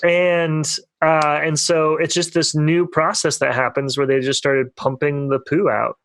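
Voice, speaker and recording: A man's voice: a little high, little pitch movement, a little slow, fairly bright tone. A young man, co-hosting a casual podcast and telling a long rambling story full of fillers. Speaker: podcast co-host. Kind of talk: casual storytelling among friends.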